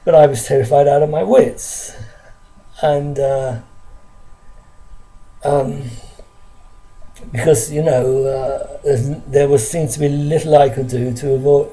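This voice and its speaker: An older Englishman from London tells a story from his school days to a close camera, in a halting, earnest way with many restarts. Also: mid-range voice, steady tone, mellow, low-quality recording. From London, England. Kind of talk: casual spoken recollection to camera. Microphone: camera close in front of him.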